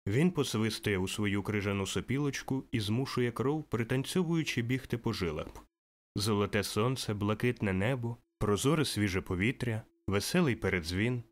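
A man reading a classic story aloud as an audiobook narrator, measured and expressive. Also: fairly low pitch. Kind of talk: scripted narration. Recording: faint music behind.

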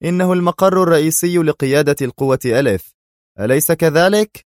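A man's voice: on the high side, a little fast, no echo, clean studio sound, pitched above the performer's own voice, close to an everyday voice. A man playing a cool, sardonic spy hero. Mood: mocking. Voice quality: calm, mocking.

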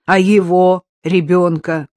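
A narrator voicing a bold young woman who mocks and accuses loudly. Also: lowish voice, level tone, slow, no room sound, studio quality. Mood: accusing. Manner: mocking, accusing, loud. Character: bold mocking young woman, fierce and defiant. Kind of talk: audiobook character voice.

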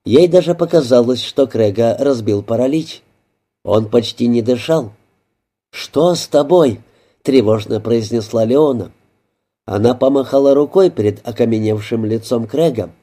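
Brief: male audiobook narrator, very dark mellow tone, mid pitch, measured scripted narration. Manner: even, measured storytelling.

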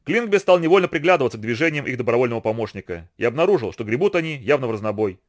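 Male audiobook narrator, fast, lively pitch, expressive read. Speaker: audiobook reader. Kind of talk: scripted narration of a novel.

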